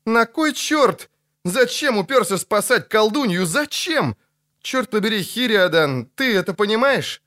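A man's voice: very animated, a little slow, bright, forceful tone, no echo, full character voice. A panicky young bard squeals his lines in an audiobook. The voice jumps far above the reader's own and swings widely. The sound is dry and close. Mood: alarmed. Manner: shrill, exclaiming. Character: excitable male bard, young, high-strung.

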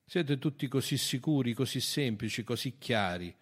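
A man's voice: mid-range voice, animated, moderate pace, slightly rough, pitched above the performer's own voice. A man voicing a tormented, scarred outlaw in an audiobook reading, intense and challenging. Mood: taunting.

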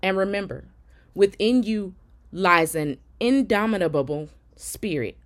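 An affirmation coach with a medium-pitched voice reads motivational narration from a script on her podcast. Measured and earnest, she keeps her tone encouraging throughout.

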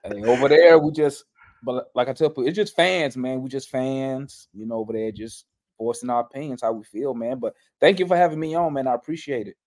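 A man's voice: mid-range voice, brisk, darkish tone. A man talking casually as a podcast guest, colloquial and emphatic, often repeating himself for effect. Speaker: podcast guest, fan show host. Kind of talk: casual chat.

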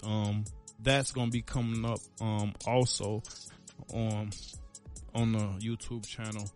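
A man's voice: fairly low pitch, flat delivery, takes it slowly, darkish tone, soft background music. A man hosting his own podcast, talking casually in a rambling, laid-back way with lots of fillers and slang, a little out of breath. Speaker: podcast host. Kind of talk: casual solo podcast outro.

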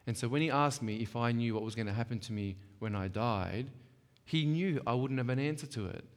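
Speaking a little fast at medium pitch, this workshop speaker runs a session in a church hall. His style is chatty yet emphatic, with frequent check-ins with listeners, all under a long hall reverb.

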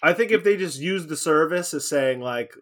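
A man co-hosting a podcast in casual chat, animated and laughing often. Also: a little high, normal speed. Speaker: podcast co-host.

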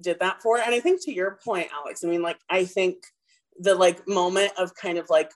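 A woman's voice: on the low side, normal speed. A young woman chatting as a podcast guest, talking casually with lots of fillers and restarts. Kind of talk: casual interview chat.

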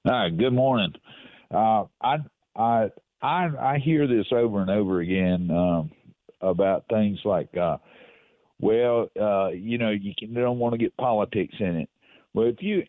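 A man calling in to a radio talk show over a phone line, speaking haltingly with many restarts and fillers. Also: on the low side, dry recording. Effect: phone-line call-in audio. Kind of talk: call-in talk radio comment.

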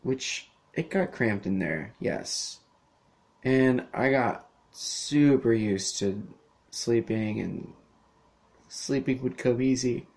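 This podcast host is a man in his thirties with a mid-range, slightly mellow voice and a slow delivery. Talking alone, he rambles through a monologue full of fillers, restarts and casual swearing.

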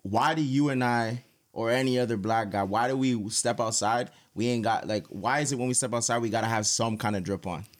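A man's voice: medium pitch, fairly quick. A young man hosting a podcast in casual, slangy banter, repeating phrases for emphasis. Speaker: podcast host.

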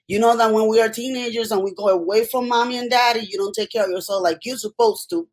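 A middle-aged healthcare worker from Puerto Rico, whose first language is Spanish, shares personal stories as an interview guest. She talks fast in a fairly high voice with fairly even intonation, often checking in with "okay?".

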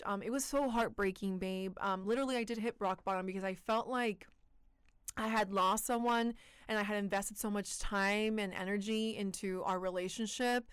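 Young woman guest, super animated storyteller, smooth clear voice. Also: mid-range voice, dry recording. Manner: animated storytelling, emphatic repetition. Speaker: interview guest. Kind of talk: casual interview.

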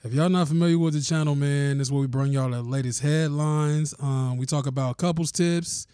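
A man's voice: fairly high pitch, steady tone, brisk, mellow, smooth, no echo, studio quality. A man hosting a podcast with his wife, talking casually in a laid-back, slangy, profane way. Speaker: podcast host.

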